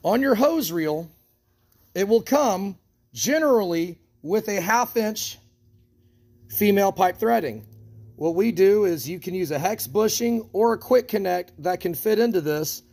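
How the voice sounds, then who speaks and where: A man's voice: high-pitched, animated, unhurried, gravelly, darkish tone. Man giving a hands-on equipment walkthrough. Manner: practical, explains step by step while handling parts. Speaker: equipment shop instructor.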